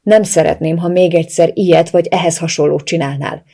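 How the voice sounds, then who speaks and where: Violent, controlling ex-lover, voiced by a woman narrator: barked orders in a husky, flat voice. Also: fairly low pitch. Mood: menacing. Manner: commanding, threatening.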